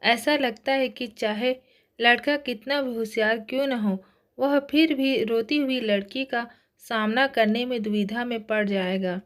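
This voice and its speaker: A woman voicing a young heroine who was once a kickboxing champion, speaking softly and plaintively, slow and high. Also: lightly acted. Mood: tearful. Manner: soft, plaintive, sniffling.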